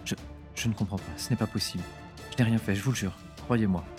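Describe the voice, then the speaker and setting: Man doing a young woman, indignant, stammering, voice lifted from a deep base, audiobook, faint music behind. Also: expressive, fast talker, close to an everyday voice. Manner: indignant, stammering under pressure. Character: young woman, frightened accused researcher. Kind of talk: audiobook character voice.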